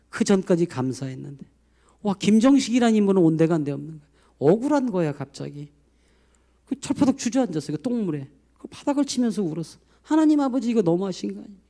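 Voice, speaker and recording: A middle-aged man preaches a heartfelt testimony from the pulpit. His voice sits high for a man and leaps up and down in pitch. He storytells with emotion, jumping from loud bursts to near whispers. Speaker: pastor. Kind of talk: testimony sermon.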